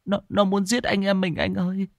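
Scared young girl stammering and begging in a high voice, guy doing it, dry close audio story. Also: expressive, moderate pace, dry recording. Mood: tearful pleading. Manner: high, breathless stammering pleas. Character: young woman student, terrified, tearful, pleading.

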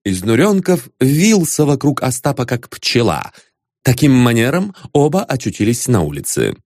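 A man narrating an audiobook with a lively, expressive reading. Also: mid-range voice, moderate pace, no room sound, studio quality.

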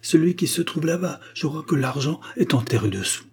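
A man's voice: a little high, expressive, fairly quick, darkish tone, slightly rough, pitched above the performer's own voice, exaggerated voice. Man doing an impatient young heir. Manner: impatient, eager.

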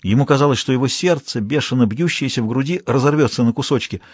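A man narrating a dramatic audiobook in an expressive, storytelling way. His mid-pitched voice has a husky grain. The recording is dry and close, with no room sound. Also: fast talker, no room sound.

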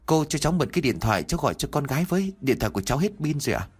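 A man voicing a frightened young woman office worker who talks in a pleading, rushed way in a ghost story. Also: on the low side, sing-song.

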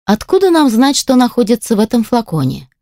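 A woman playing a male defense lawyer in a fantasy audiobook, indignant and quick to object. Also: on the high side, big pitch swings, mellow, no room sound, clean studio sound, voice pushed up. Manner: protesting, indignant.

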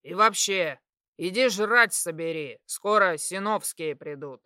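A gruff middle-aged father in an audiobook, blunt and grumbling as he scolds, voiced by a woman reading. The tone is bright and forward. The sound is dry and close, with no room at all. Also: fairly low pitch, unhurried, no room sound.

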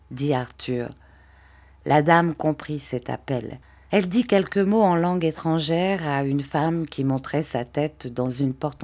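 A woman narrates a classic novel in a measured, expressive reading. Her voice sits low in pitch for a woman. She takes her time and shapes each sentence with care. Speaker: audiobook narrator. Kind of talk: literary audiobook narration.

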